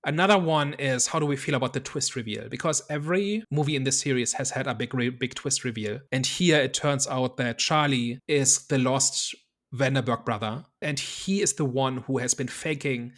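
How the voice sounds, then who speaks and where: A man with a medium-pitched, fairly bright voice speaks at a moderate pace. He hosts a casual movie review podcast, reasoning analytically and thinking aloud with plenty of hedges.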